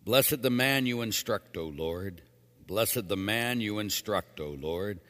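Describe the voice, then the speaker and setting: A man's voice: on the low side, expressive, slow pace, a bit bright, long reverb tail. A man speaking as a priest, reading scripture and then giving a plain-spoken, emphatic homily with casual asides.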